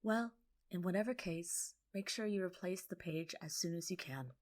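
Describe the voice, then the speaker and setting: A woman's voice: fairly low pitch, normal speed, close to an everyday voice. A woman voicing a haughty, scornful female tree spirit. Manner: haughty, sharp.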